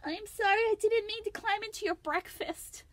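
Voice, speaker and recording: A woman voicing an eager, lonely young female storybook character in a high, bubbly, pleading voice while reading a picture book aloud. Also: moderate pace, no echo. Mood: cheerful.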